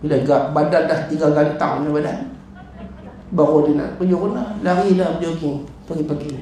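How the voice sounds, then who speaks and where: A middle-aged man with a Malaysian Malay accent, preaching in a lively mosque talk that jumps up and down in pitch as he acts out his stories. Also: moderate pace. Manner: animated storytelling, acts out his wife and callers. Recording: echoey hall with faint noise.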